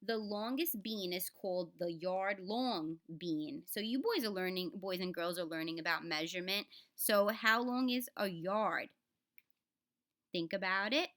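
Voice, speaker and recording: In an unhurried, medium-pitched voice that's a bit bright, a woman reads to children from a book. She speaks right to them, adds easy explanations, and sounds out the words instructively.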